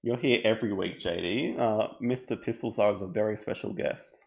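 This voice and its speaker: A man streaming a board game live, thinking aloud in a relaxed, chatty way. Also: on the low side, fairly quick, vocal fry. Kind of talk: casual live game commentary.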